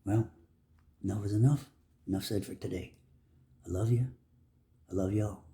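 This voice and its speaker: A man giving an earnest motivational monologue, preachy and heartfelt, swinging between emphatic bursts and soft lines. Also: on the low side, fairly even intonation, normal speed. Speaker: motivational speaker.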